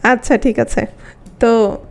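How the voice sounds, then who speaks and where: A woman's voice: fairly high pitch, fairly even intonation, slow. A woman teacher, giving an exam-prep grammar lesson and asking her students questions as she explains.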